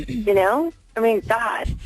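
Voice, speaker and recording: A woman calls into a radio station as a listener, making an earnest, insistent complaint in a hesitant, spontaneous way. Her voice is fairly high and slow, carried over a dry telephone line to the studio with no room sound.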